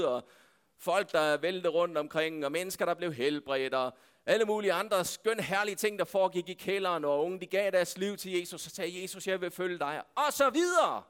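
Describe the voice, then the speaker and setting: A man preaching a sermon, swinging between loud impassioned calls to God and hushed, quiet passages. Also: high voice, smooth. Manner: impassioned, calling out to God, then dropping to hushed tones. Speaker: pastor.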